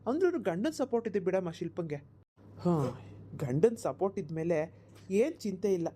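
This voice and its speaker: A woman voices a grown village son in a cartoon who talks his worried mother down. He explains patiently and reassuringly, in a mellow, dark tone. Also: on the low side, big pitch swings, normal speed, a little hiss or hum. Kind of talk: cartoon voice acting.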